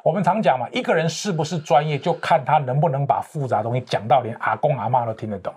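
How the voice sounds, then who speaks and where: A man's voice: mid-range voice, fast talker, a little mellow, slightly rough. A man, a professional speaking coach explaining his methods with confident, lecturing examples in an interview. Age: 50s.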